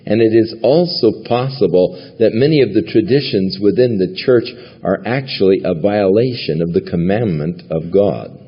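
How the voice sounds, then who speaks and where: A man's voice: on the low side, animated, normal speed, few pauses, slightly rough. A man preaching a sermon in a church, teaching from the Bible in a conversational way and chuckling now and then. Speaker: pastor. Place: church sanctuary. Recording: lo-fi recording with long hall reverb.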